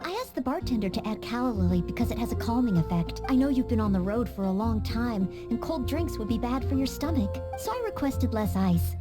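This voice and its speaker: A woman performs a young maid in a video game who diligently trains as a knight, speaking politely, formally and eagerly. Her voice is on the high side and animated yet close to everyday speech, fairly quick with hardly any pauses, and soft game music plays underneath.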